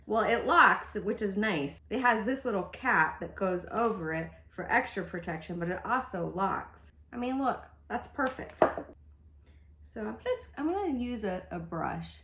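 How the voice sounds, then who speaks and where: Expressive and forceful yet unhurried, this middle-aged woman's mid-range voice is bright and a bit congested. She's a beauty vlogger casually chatting through a makeup tutorial, staying chatty and positive while she thinks aloud and applies makeup, all in an echoey room.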